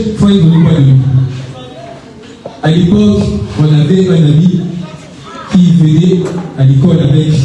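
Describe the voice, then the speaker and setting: A young man preaching at a youth seminar, asking the crowd questions and calling for amens, sometimes rising to a shout. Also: sits high. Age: young adult. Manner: rises to shouts at times. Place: large echoey hall. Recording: echoey hall, voice from far off.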